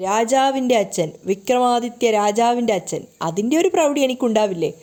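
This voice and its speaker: A woman's voice: on the high side, animated, moderate pace, dark tone, close to an everyday voice. A woman reading the lines of a boastful middle-aged father who brags about his son, in a TV serial recap. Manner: swaggering, self-important.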